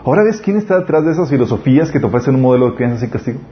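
A man preaches a sermon in an earnest way, pressing his listeners with question after question. His voice sits at an ordinary middle pitch. The recording is a little dull and lo-fi, with a faint hiss underneath. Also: very fast. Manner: earnest, rhetorical questions, animated emphasis. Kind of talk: sermon on parenting.

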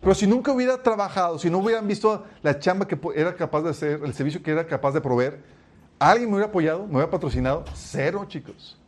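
A man's voice: a little high, fast. A young man preaching a sermon, telling stories and calling his listeners "chicos". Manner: addresses listeners as "chicos", lively storytelling.

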